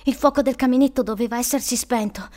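A woman narrating an audiobook with expressive, suspenseful storytelling. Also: fairly high pitch, quick pace. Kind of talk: audiobook reading.

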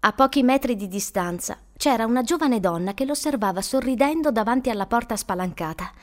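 A woman narrating an audiobook with expressive, suspenseful storytelling. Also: on the high side, fairly quick. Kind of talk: audiobook reading.

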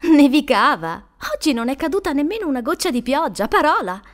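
A woman voicing a cheerful young woman who speaks in a brisk, reassuring way. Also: high voice, sing-song, pitched above the performer's own voice.

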